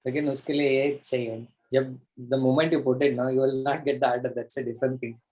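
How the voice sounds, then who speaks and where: In a low-quality recording, an Indian-accented coach races through a live online lesson in a blend of English and Hindi. His medium-pitched voice is flat and a little mellow, while his style stays pushy and emphatic, with phrases repeated for effect.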